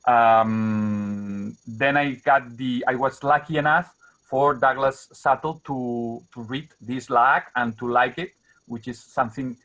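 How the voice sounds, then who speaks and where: A man with a Catalan accent speaks halting, non-native English, searching for words and repeating himself as he talks informally about his writing. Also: medium pitch, steady tone, a bit bright. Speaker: guest poet. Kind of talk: informal talk about own writing at an online book launch. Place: remote video call. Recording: dull, muffled video-call audio.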